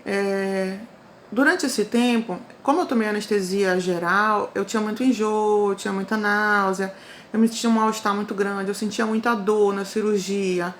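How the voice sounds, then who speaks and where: Animated Brazilian woman telling her story. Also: mid-range voice, moderate pace, slight background noise. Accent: Brazilian Portuguese. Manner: animated, repeats phrases for emphasis. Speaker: testimony storyteller. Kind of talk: casual personal storytelling.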